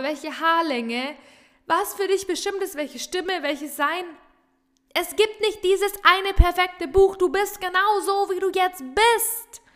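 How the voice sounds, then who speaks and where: A woman coach delivers an earnest motivational talk, speaking directly to her listener and circling back to the same points again and again. Her voice sits high and bright. A long reverb trails after her words, as if she is speaking in a large hall. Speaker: business coach.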